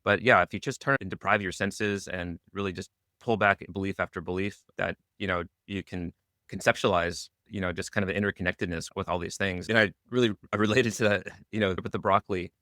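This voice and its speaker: A man's voice: deep voice, fairly even intonation, fairly quick, bright, forceful tone, no room sound, clean studio sound. A man co-hosting a podcast, talking in a hesitant, rambling way with many fillers and restarts. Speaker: podcast co-host. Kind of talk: casual podcast conversation.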